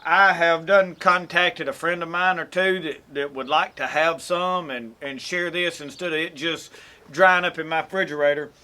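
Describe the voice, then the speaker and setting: A man's voice: fairly high pitch, fairly even intonation, moderate pace, sharp tone. A man from Mississippi with a Southern accent, giving a folksy, rambling how-to talk as host of an outdoors channel. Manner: folksy and rambling, with self-corrections. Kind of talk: casual how-to explanation.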